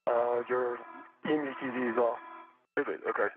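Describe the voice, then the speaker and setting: An astronaut speaking over a crackly space-to-ground radio link, giving clipped, matter-of-fact checklist callouts. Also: male voice, medium pitch, fairly even intonation, brisk. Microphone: headset in a spacesuit helmet. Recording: tinny noisy radio transmission.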